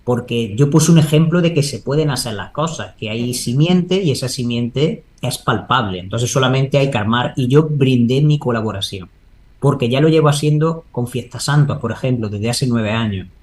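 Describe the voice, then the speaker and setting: A man's voice: mid-range voice, lively intonation, moderate pace, darkish tone. A man answering in a spontaneous interview, earnest and discursive, often adding tag questions to seek agreement. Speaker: local interviewee, Holy Week proclamation speaker. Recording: noticeable background noise.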